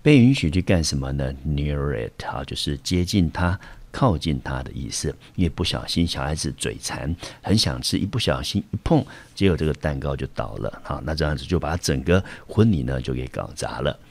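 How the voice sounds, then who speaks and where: Very deep-voiced male English teacher. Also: expressive, moderate pace, creaky, hardly any pauses, darkish tone. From Taiwan. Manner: explains step by step, often starting with "好". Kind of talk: vocabulary lesson. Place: school teaching studio.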